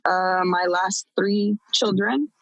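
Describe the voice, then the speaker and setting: An American woman in her thirties, a podcast guest, tells her own story casually, candid and blunt and laughing often. Her mid-range voice is slow and fairly bright, and the audio is dull with no room sound.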